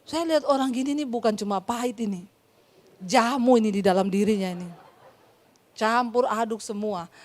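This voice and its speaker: High-voiced woman pastor preaching. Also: normal speed, pauses often. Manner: lively storytelling with humor. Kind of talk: sermon.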